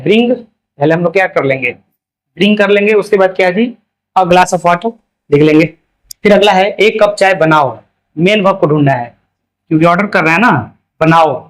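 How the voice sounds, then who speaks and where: High-voiced man teaching grammar with a Hindi accent. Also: rough recording. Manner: asks questions and answers them himself; says English examples slowly and carefully. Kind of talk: casual classroom explanation.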